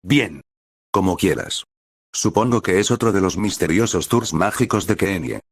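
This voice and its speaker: A man's voice: low-pitched, animated, moderate pace, slightly rough, no echo, studio quality, full character voice. A man voicing a rude, impatient young female trainer who talks in a scornful, sarcastic way while reading a story aloud. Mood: irritated.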